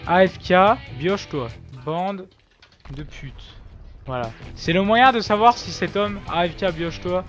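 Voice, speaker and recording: High-voiced man doing ironic game commentary. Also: a little slow, fairly bright tone, faint music behind. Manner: mock-boastful, ironic self-praise. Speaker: gaming video host. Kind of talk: gameplay commentary.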